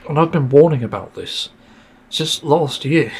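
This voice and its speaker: Venting alone on his podcast, this host sighs, swears and leans on fillers as his throat grows sore, a mint in his mouth. His voice runs on the high side, creaky, husky and darkish, with lively intonation at a measured pace.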